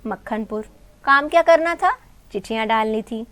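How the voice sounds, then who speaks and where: Her voice is fairly high, animated and a bit bright, moving at a moderate pace. The woman teacher retells a textbook story in Hindi, calling students "beta" and "bhai" and answering her own questions.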